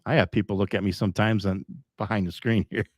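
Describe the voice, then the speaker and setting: Man, middle-aged, podcast host, rambling and emphatic, low-pitched, dry close sound. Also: steady tone, fast talker, husky, no echo. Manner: rambling and emphatic, with frequent laughs. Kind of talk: live podcast commentary.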